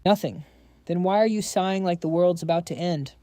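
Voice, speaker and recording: A man putting on a talkative, goofy young roommate in a storybook recap, upbeat and eager. The voice is a touch high and mellow, close and dry. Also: fairly quick, no room sound, close to an everyday voice. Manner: upbeat and chatty.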